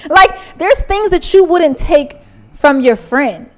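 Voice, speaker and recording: A woman's voice: high voice, expressive, takes it slowly. A woman co-hosting a podcast, chatting earnestly with many fillers. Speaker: podcast co-host. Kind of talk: casual chat.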